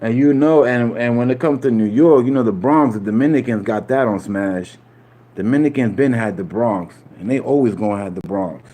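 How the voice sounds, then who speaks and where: Talking loosely to his live audience, this man from Puerto Rico has a medium-pitched, dark voice and a moderate pace, with a little hiss or hum on the recording. His casual streaming commentary is full of street slang, repetition, and "you feel me."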